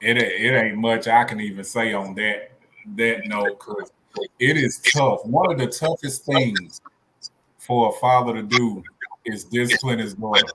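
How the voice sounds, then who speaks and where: A man's voice: fairly low pitch, steady tone, unhurried, background noise. A man hosting a casual podcast chat, easygoing, with self-mocking humor. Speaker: podcast host.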